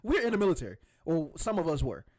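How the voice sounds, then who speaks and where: Male podcast co-host, slightly high voice, emphatic and animated, loose casual banter. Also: quick pace. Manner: animated, emphatic, mocking impressions. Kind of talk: casual chat.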